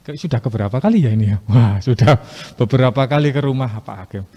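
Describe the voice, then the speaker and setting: A man telling a Bible story to children, lively and asking the listeners questions. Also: medium pitch, fast. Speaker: Sunday school teacher. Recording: muffled echoey hall.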